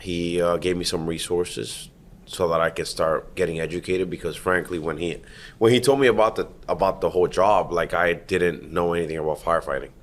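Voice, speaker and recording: A man from the Dominican Republic, a firefighter guest, telling his story in a relaxed, conversational way. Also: sits low, a little fast. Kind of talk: casual interview storytelling.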